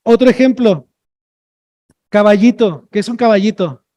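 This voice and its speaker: Man, high-pitched, sign language trainer, workshop lecture, chatty, tag questions. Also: normal speed, warm tone. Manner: chatty, checks in with tag questions, jokes with the audience.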